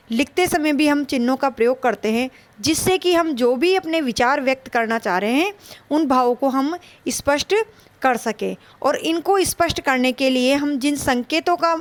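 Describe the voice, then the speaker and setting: A woman teaching a Hindi grammar lesson for an exam, slow and explanatory, repeating her points. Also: high voice, no room sound.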